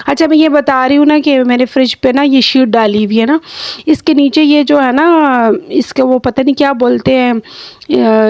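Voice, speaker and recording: A woman's voice: sits high, darkish tone, no room sound. A middle-aged woman with a Pakistani Urdu accent and a slightly sore throat, chatting to viewers in a rambling home vlog, full of fillers and restarts. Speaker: vlogger, homemaker. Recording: dry close sound.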